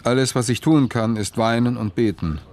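A man reading a voice-over translation in a calm, plain way. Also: mid-range voice, moderate pace.

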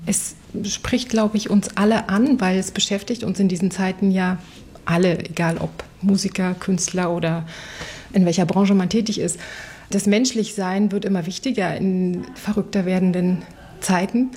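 A woman's voice: mid-range voice, steady tone, normal speed, darkish tone. A woman, a cellist and orchestra board member, giving an earnest, reflective interview statement.

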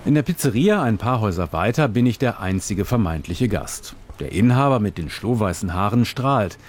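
A male radio reporter with a fairly low voice reads a scripted reportage in a measured, descriptive way, like careful storytelling, yet still animated. A little hiss or hum sits in the recording.

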